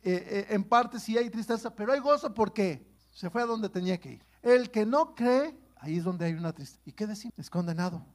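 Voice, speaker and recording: A man's voice: high-pitched, fairly quick. A man preaches to his congregation. His delivery is conversational, and he keeps checking in with his listeners as he reads and explains the scripture. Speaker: pastor. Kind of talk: sermon.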